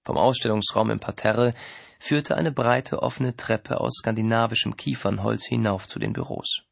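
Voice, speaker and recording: A man narrating a novel in an even, measured storytelling voice. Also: on the low side, gravelly, no echo. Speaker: audiobook narrator. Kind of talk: scripted narration.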